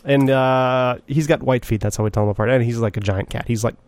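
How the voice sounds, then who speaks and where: A man co-hosting a podcast, telling stories in a relaxed, joking way with lots of hesitations. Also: mid-range voice, brisk. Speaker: podcast co-host. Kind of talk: casual storytelling chat.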